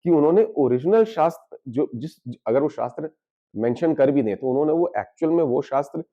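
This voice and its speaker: A man's voice: fairly high pitch, lively intonation, fairly quick, dull audio. A man, an astrologer, giving an explanatory spiritual talk. He mixes English terms into his speech and often poses questions and answers them himself. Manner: switches freely between Hindi and English.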